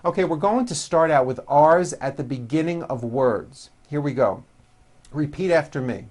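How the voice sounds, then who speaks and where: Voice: medium pitch, expressive, darkish tone. An English pronunciation teacher leading a drill lesson, over-articulating each word for students to repeat. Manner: slow, deliberate, over-articulated words for repetition.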